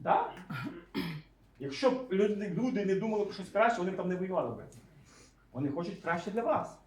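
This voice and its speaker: A man preaching a sermon, asking his listeners questions and raising his voice to a shout for emphasis. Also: sits high, lively intonation, fairly quick. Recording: echoey room, mic far off.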